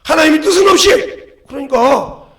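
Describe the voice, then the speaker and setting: Man, pastor, fiery sermon, lively up-and-down pitch, gravelly edge, echoey church sound. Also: moderate pace. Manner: impassioned preaching with shouted peaks and sudden hushed drops; acts out a crying child and God's voice in quoted asides. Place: church sanctuary.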